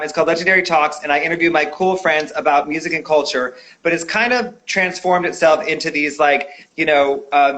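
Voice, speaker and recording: A man's voice: fairly high pitch, a bit bright. A man hosting a casual video-call interview, chatty and playful with many fillers. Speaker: podcast host.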